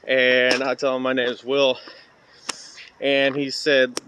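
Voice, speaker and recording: Carrying a heavy sandbag along a trail, a man talks into the phone he's holding, a cheap one, in a casual vlog full of "uh"s and rambling. This parkour coach speaks slowly in a monotone at medium pitch, against a noisy background.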